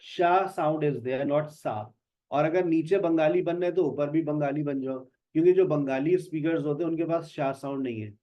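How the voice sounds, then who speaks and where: A man's voice: a little high, steady tone, brisk, hardly any pauses, dark tone, muffled recording. A man teaching an online spoken English class, patiently explaining pronunciation and calling on students by name. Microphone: online class call.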